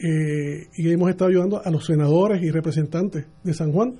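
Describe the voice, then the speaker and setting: Guesting on a radio interview, this middle-aged mayoral candidate from Puerto Rico responds earnestly in Puerto Rican-accented Spanish, stopping and restarting often. His voice is a little high and slightly rough, with a dark tone and fairly even intonation.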